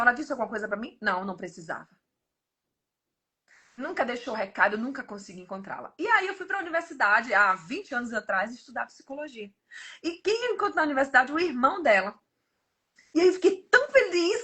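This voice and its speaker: Her voice is high-pitched and husky. She's in her fifties, has a Brazilian Portuguese accent, and gives a lively, casual devotional talk, frequently calling her listeners "gente".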